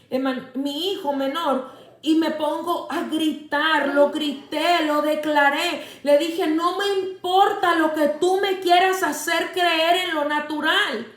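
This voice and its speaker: A woman's voice: high-pitched, roomy sound. A middle-aged woman preaching a livestreamed sermon from home, fervent and repeating phrases for emphasis. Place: seated indoors at home.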